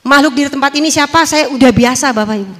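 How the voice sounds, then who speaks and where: High-voiced woman. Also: quick pace, in a large hall. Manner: lively, animated storytelling, addressing the audience directly. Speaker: testimony speaker. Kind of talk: church testimony to a congregation.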